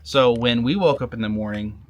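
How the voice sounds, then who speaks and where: A man talking casually in a sit-down vlog, halting and repeating words, often checking in with "right?". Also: medium pitch. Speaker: vlogger, husband.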